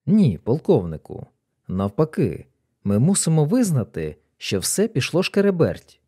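A man voicing a calm, composed male detective who speaks low and matter-of-fact. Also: unhurried, slightly rough, exaggerated voice.

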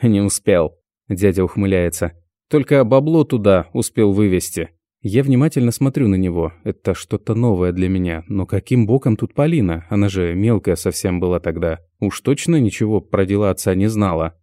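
A man calmly narrating a first-person novel as an audiobook reader. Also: lowish voice, moderate pace, no echo, clean studio sound.

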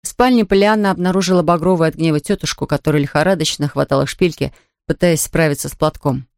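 A woman narrating an audiobook in an even, expressive storytelling manner. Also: low-pitched, fast, dry recording, clean studio sound. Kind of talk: scripted narration.

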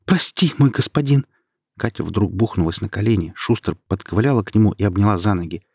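A man narrating an audiobook at a steady storytelling pace. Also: low-pitched, fast, gravelly, slightly rough, no echo, clean studio sound. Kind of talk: audiobook reading.

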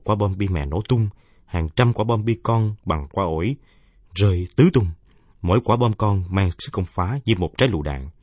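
Husky low-voiced male storyteller. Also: a little mellow, no room sound. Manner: somber, measured storytelling. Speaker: narrator. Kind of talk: first-person audiobook story narration.

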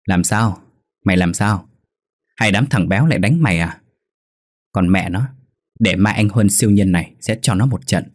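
A man doing a gruff, protective street boy. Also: fairly low pitch, animated, moderate pace, pauses often, a little mellow, no room sound, studio quality. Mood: anxious. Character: poor older boy, tough, protective big brother.

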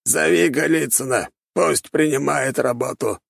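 A man voicing a grumpy, sickly old male mentor who scolds his pupil in a hoarse, wheezing voice. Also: medium pitch, measured pace, no room sound, studio quality, voice pushed up. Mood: stern. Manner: gruff and scolding. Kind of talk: audiobook character voice.

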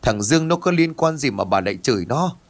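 A man's voice: medium pitch, lively intonation, brisk, lightly acted. A man voicing a somber, grieving older father in an audio ghost story. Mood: reproachful. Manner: somber, pleading.

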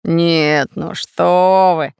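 A woman voicing a scheming red-bearded male pirate who booms slowly in a low voice. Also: fairly even intonation, no room sound, studio quality. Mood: gruff. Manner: deep gruff booming, slow.

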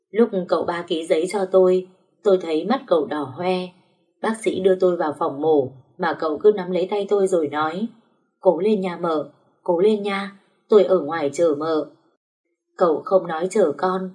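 A woman's voice: fairly low pitch, darkish tone. A woman narrating a first-person story.

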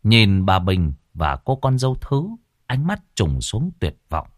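Expressive low-voiced male story narrator. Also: unhurried, no echo, studio quality. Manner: expressive, rising and falling storytelling. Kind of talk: dramatic horror audiobook narration.

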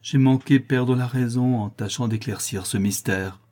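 A man's voice: mid-range voice, normal speed, dark tone, lightly acted. A man voicing a frightened young woman who anxiously confides a painful secret in a storybook reading. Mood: pleading.

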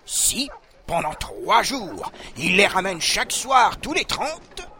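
A scheming royal minister, played by a male storyteller, who lays out his plan slowly and deliberately. The voice sits high and bright, with a lively rise and fall, in this storybook reading. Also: heavily acted. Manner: slow, deliberate, persuasive.

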